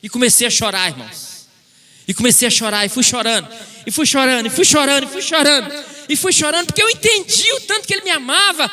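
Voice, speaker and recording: A man preaching a sermon as a pastor, telling a personal story with passion and rising to shouts. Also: very high voice, expressive, quick pace.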